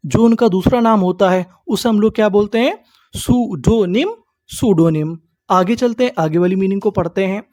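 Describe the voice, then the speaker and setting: A woman with a mellow, warm voice teaches English pronunciation, sounding out words letter by letter. She asks questions and answers them herself, stretching the key words out slowly. The recording is dry and close. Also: mid-range voice, no echo. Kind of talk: spelling-out pronunciation lesson.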